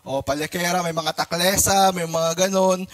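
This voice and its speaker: A man preaching in a casual, lively way with a Filipino accent, asking the congregation questions, mimicking different ways of talking and laughing often. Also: high voice, moderate pace. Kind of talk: sermon with audience questions.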